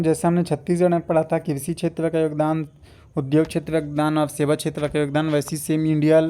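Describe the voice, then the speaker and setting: Male exam tutor, slightly high warm voice, drills facts with questions. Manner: addresses students as friends, repeats key facts, asks and answers questions. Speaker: exam coaching teacher. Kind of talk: exam prep lecture.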